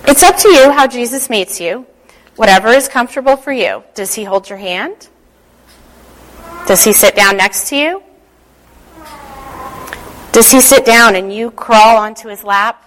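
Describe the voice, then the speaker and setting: A woman with a slightly high voice speaks as a church leader. She is gentle and instructive, taking her time as she guides listeners through devotional teaching and prayer. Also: unhurried, pauses often, low-quality recording.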